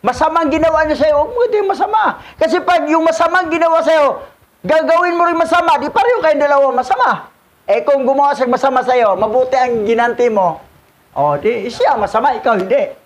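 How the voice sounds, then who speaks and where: A man's voice: very high-pitched, brisk. A man teaching as a religious instructor, commenting on a reading in a casual, repetitive way, chuckling and mixing in English words.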